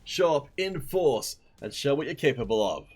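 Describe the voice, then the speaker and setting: A man's voice: mid-range voice, sing-song, normal speed, a little mellow, husky. A man casting a live esports stream, chatting upbeat and directly to viewers. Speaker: esports caster.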